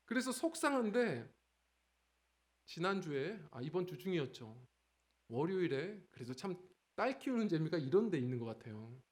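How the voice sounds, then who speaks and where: A male pastor preaching in a church, his pitch swinging freely as he tells stories from family life. His voice sits a little above the usual man's, animated and conversational rather than solemn. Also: moderate pace. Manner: conversational preaching with lively storytelling. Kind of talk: sermon. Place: church sanctuary.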